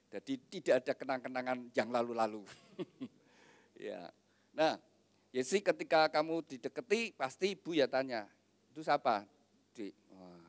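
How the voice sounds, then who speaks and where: A man's voice: medium pitch, clean tone, no room sound. A middle-aged man, a pastor giving a wedding sermon and making joking asides to the couple.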